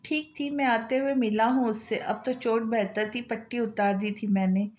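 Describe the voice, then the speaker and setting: A woman's voice: fairly high pitch, fairly even intonation, moderate pace, a little mellow, highs cut off, lightly acted. A woman reading the lines of a protective, hot-tempered young man, spoken bluntly.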